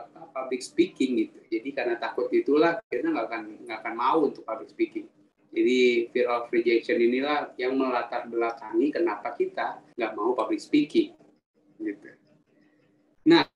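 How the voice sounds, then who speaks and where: A man giving a casual, animated public speaking talk in a live webinar, asking the audience questions and reading their chat comments aloud. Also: medium pitch, a little hiss or hum. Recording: roomy sound, mic at a distance, faint ambience.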